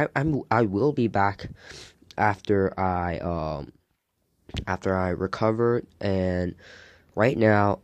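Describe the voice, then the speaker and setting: A man hosting a casual solo gaming podcast, talking haltingly while getting over a sore throat. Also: fairly low pitch, no room sound. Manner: halting, hesitant delivery. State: sick, recovering from a sore throat.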